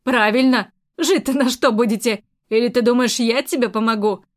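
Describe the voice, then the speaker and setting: A woman's voice: a little high, normal speed, close to an everyday voice. A woman reading the part of a scornful, domineering aunt who mocks the people she talks to. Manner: mocking, scornful. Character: sharp-tongued older aunt, mocking and domineering.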